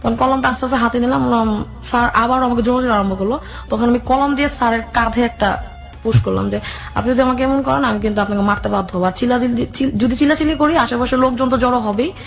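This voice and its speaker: As an interview guest, this woman narrates a personal story in one continuous stream, voicing each person in the conversations she recounts. She speaks quickly with a slightly high voice and vocal fry, over background music.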